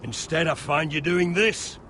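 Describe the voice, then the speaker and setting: A man's voice: on the high side, unhurried, pushed and bright, a little hiss or hum. A man playing a stern military training commander in a video game, scolding with authority.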